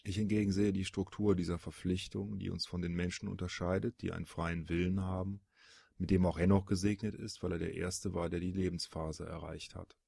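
A man reading a storybook audiobook, voicing a solemn male dragon-born being in a low, gravelly, husky voice with measured, earnest explaining. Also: flat delivery, dark tone, dry recording, studio quality, full character voice.

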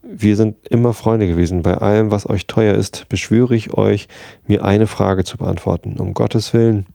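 A man reading the lines of a grief-stricken young male hunter who pleads and speaks sternly, in a deep, gravelly voice. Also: steady tone, moderate pace, dark tone, no room sound, studio quality. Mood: pleading.

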